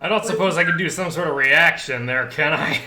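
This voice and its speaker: A man's voice: a little high, brisk, pushed and bright. A man playing a tabletop game, asking puzzled questions about the rules. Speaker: player. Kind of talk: casual chat in a tabletop game.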